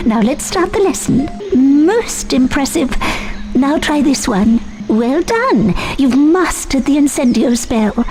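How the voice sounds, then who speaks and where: An actress playing a brisk, encouraging herbology professor who gives tutorial instructions in a video game. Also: female voice, high voice, low-quality recording.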